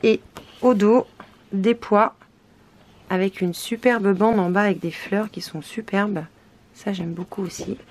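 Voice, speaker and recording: A woman's voice: medium pitch, fairly even intonation, unhurried, pauses often, a little mellow. A woman from France chatting casually as she shows craft papers, hesitant with many fillers. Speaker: scrapbooking vlogger. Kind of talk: casual product unboxing chat.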